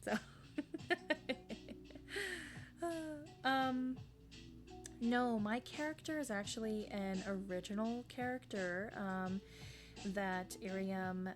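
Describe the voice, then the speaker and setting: Woman streamer, mid-pitched and leisurely, a bit sniffly; rambles, then lights up greeting chat. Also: slow pace, over music. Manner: rambling, self-deprecating, bursts into excited greetings when reading chat. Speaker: streamer debuting a virtual fairy-empress persona. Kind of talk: casual live-stream chat with viewers.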